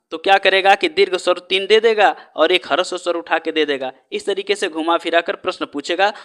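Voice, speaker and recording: Bright, clear-voiced male teacher. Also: high-pitched. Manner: asks rhetorical questions and answers them himself; keeps adding a checking "है ना?". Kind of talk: exam-prep lesson.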